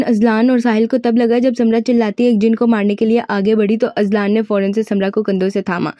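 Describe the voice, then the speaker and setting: A woman narrator reading a romance novel aloud as steady storytelling. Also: on the high side, no room sound, dull audio. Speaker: audiobook narrator.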